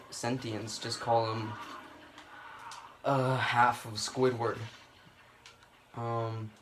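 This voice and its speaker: A man's voice: lowish voice, background noise. A man rambling through casual gameplay commentary, swearing freely and making self-deprecating asides. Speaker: gaming video host.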